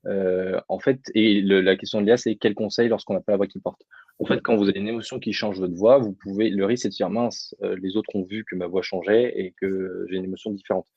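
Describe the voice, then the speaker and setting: A man with a low, steady, slightly rough voice speaks a little fast, recorded with no room sound and dull audio. In a webinar, he gives casual public speaking advice, answering questions informally, addressing the audience directly and using many fillers.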